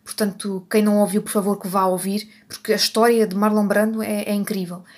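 This is an unscripted solo podcast chat from a Portuguese host with a European Portuguese accent, who keeps fixing her words and laughing at her slip-ups. Her mid-range voice shows little pitch movement and runs a little fast.

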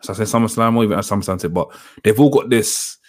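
Male co-host, lowish voice, loose conversational delivery that doubles back on phrases. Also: fast talker. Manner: repeats phrases for emphasis. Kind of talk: casual chat about wrestling on a live show.

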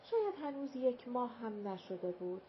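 A woman reading a novel aloud in calm, measured scripted narration. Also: on the high side. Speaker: audiobook narrator. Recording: dull lo-fi recording with faint hiss.

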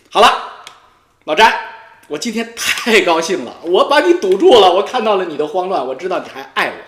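A middle-aged man, rambling crudely and teasingly in a comic monologue, swearing freely and breaking into loud high outbursts. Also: sing-song, moderate pace. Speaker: YouTube streamer. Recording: echoey room.

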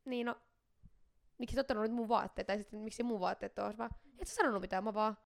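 A young woman co-hosting a casual podcast chat, talking quickly and running words together when she gets excited. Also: medium pitch, creaky. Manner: talks fast, skips words when excited. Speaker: podcast co-host.

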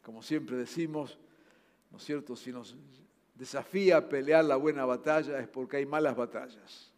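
A man with a Rioplatense Spanish accent preaching a sermon. He urges his listeners earnestly, rising loud and then dropping to soft, low passages. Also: moderate pace. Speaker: pastor. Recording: long hall reverb.

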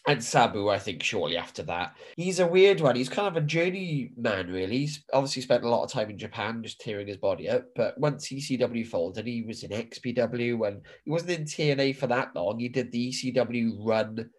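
Informal male podcast co-host, medium pitch. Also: brisk, hardly any pauses. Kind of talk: casual podcast chat.

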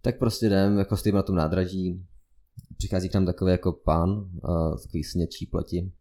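A young man telling a story in casual chat, lively and full of fillers. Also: low voice. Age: young adult. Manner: animated anecdote telling with many fillers.

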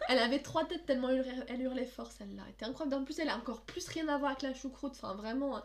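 A young woman co-hosting a casual podcast, telling a story in a lively, slangy way. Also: sits high. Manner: animated, slangy, quick storytelling. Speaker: podcast co-host.

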